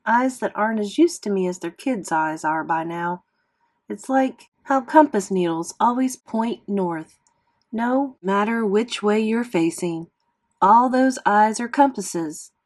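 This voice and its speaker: Reading a children's novel aloud, a woman with a medium-pitched voice narrates expressively, like a teacher reading to her class.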